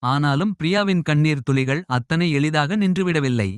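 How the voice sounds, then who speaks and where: A man narrating an audio novel in a steady, measured storytelling voice. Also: on the high side, clean tone, no echo, clean studio sound. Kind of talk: scripted narration.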